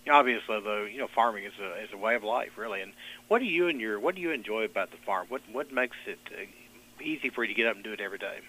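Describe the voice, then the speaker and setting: Brisk, bright-voiced male interviewer. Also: fairly low pitch, expressive, slight background noise, low-quality recording. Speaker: radio interviewer. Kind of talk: conversational interview questions.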